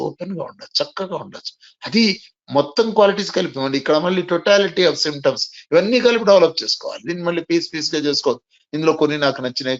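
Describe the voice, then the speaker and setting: A man's voice: on the high side, dull audio. Man lecturing, spelling out words. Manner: didactic, spells out key words letter by letter; asks and answers rhetorical questions. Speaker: lecturer on communication skills. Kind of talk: classroom lecture.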